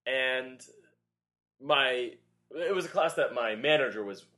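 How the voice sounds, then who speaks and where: A man's voice: medium pitch, slow pace, bright, forceful tone. A young adult man co-hosting a fitness podcast, telling a long rambling story with lots of filler in a casual chat. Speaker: podcast co-host and Pilates instructor.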